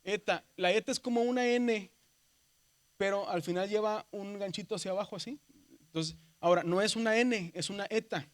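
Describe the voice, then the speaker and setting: A man teaches a classroom of seminary students. He walks them slowly through the Greek alphabet, checking in with them again and again and naming each letter aloud. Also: high-pitched. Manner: patient, repeats "¿verdad?" and spells letters aloud; addresses students as brothers. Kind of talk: classroom lesson.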